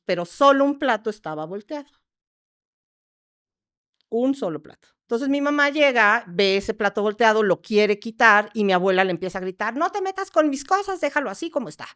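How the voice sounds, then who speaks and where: A woman with a Mexican accent, a podcast guest telling a family story in a lively way and acting out the people she quotes. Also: medium pitch, smooth. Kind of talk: casual storytelling in a podcast interview.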